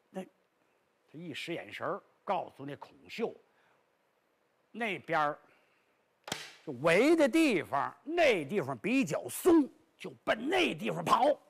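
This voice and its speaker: A male storyteller performing traditional Chinese storytelling in an animated, dramatic and rhythmic way, with a raspy voice. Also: sits high. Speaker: pingshu storyteller.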